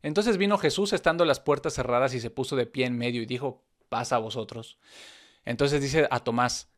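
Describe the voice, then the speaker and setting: A man's voice: medium pitch, a little fast. Man reading and explaining scripture. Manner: reads scripture aloud, then explains it conversationally. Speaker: Bible teacher. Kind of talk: Bible reading and commentary.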